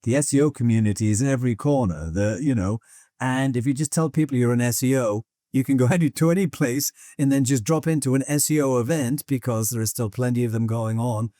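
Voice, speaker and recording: A man's voice: medium pitch, fairly quick, dark tone, no echo, studio quality. An older man hosting an interview, chatting and telling anecdotes. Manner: chatty anecdotes with laughs and quoted voices. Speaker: podcast host. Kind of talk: conversational interview.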